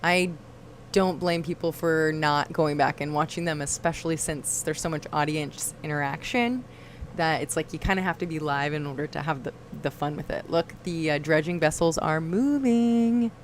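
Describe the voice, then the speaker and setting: Woman, livestream host, relaxed chat, lowish voice, reads comments aloud. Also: moderate pace, slight background noise.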